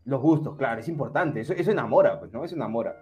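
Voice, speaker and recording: A man's voice: medium pitch, animated, racing, darkish tone, soft background music. A man co-hosting a casual podcast, joking and rambling as he reads live comments. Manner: joking, rambling, mocks a Spain accent. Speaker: podcast co-host.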